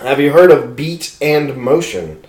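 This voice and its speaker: Speaking at a measured pace, this podcast co-host has a mid-range, darkish voice with lively intonation. He's a young man in casual conversation who rambles, leans on filler words, and swears freely, all recorded in an echoey room.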